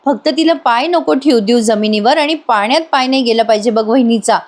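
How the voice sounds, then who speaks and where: A woman voicing a calm, caring young doctor who explains slowly and gently. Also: fairly high pitch, natural voice. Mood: gentle.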